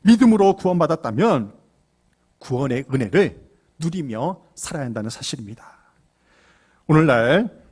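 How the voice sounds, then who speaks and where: A man's voice: fairly high pitch, a little mellow, breathy edge. A middle-aged man preaching a sermon as pastor, earnest, asking the congregation rhetorical questions. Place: church sanctuary.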